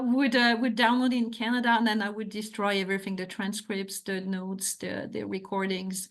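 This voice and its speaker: With a medium-pitched, fairly bright voice, a middle-aged academic author from France lectures and takes questions in French-accented English. She is earnest yet hesitant, and her speech is full of restarts.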